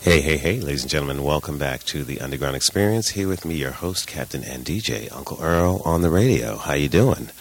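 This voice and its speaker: A man's voice: a bass voice, expressive, fairly quick, hardly any pauses, a little hiss or hum. A man from New York hosting a radio show as DJ, chatty and upbeat, laughing often. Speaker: radio host and DJ. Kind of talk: casual radio interview.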